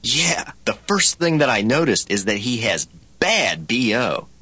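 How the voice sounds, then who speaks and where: A man reading scripted practice dialogues for a language lesson, with expressive, swooping line readings. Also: medium pitch, unhurried, breathy edge, dry recording.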